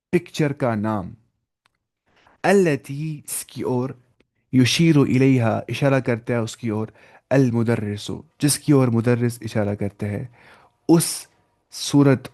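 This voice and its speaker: A man teaching an online Arabic lesson, saying each word slowly and repeating it with patient explanations. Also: mid-range voice, mellow.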